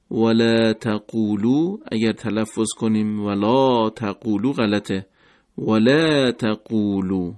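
Man teaching pronunciation, slow demonstrations. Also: mid-range voice, darkish tone. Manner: slow, deliberate, repeats words to demonstrate sounds. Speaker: recitation teacher. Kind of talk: pronunciation lesson.

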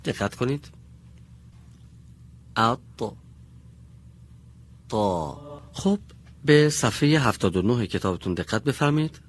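A male teacher of medium pitch, animated and with a breathy edge, leads a classroom lesson on pronunciation. He works patiently and deliberately, slowly showing his pupils each sound.

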